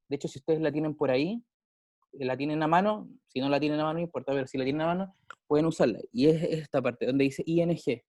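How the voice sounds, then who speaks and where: A man's voice: a little high, mellow, no room sound, studio quality. A male teacher with a Chilean accent, explaining grammar in a casual way with everyday examples and frequent check-ins with his pupils. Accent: Chilean Spanish. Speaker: English teacher.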